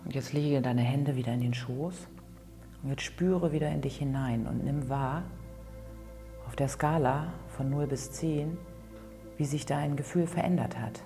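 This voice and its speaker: A woman guides listeners through a tapping session in a low, mellow voice. She speaks slowly and calmly, sometimes sinking into a soft whisper. Faint music plays under her. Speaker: tapping coach.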